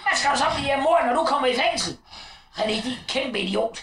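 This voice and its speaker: A woman playing a crude, bossy shouting mother. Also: high-pitched, lively intonation, vocal fry, full character voice. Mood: scolding. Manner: shouting, frantic, rambling. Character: crude, bossy middle-aged mother scolding adult son. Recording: echoey room, far from the mic.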